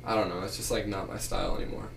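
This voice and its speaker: A man's voice: fairly low pitch, steady tone, very fast, gravelly, a little hiss or hum. Rambling young man in an echoey room. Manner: rambling, filler-heavy, lots of "like". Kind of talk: casual chat among friends. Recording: echoey room, mic at a distance.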